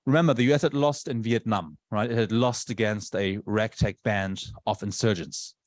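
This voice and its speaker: In a lecture room, a male university lecturer who isn't a native English speaker gives a conversational talk, frequently checking in with tag questions. His voice is on the low side, at normal speed, and the recording is dry.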